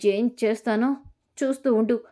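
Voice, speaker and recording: A woman's voice: on the high side, steady tone, moderate pace, lightly acted. A woman voicing a fierce young mother, desperate and angry about her kidnapped daughter. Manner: angry shouting, commanding.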